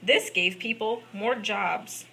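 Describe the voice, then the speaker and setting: In an amateur show, a woman plays a patient puppet history teacher giving a scripted, instructive lesson to an unruly class. Her mid-range voice is slow with vocal fry, and faint background noise is audible in the amateur recording.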